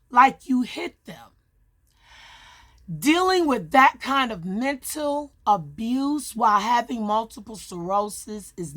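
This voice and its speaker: A woman talking straight to her viewers in an earnest, emphatic way, with long pauses between short phrases as she shares hard-won advice. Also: high voice. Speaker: vlogger sharing her experience. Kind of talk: personal advice monologue.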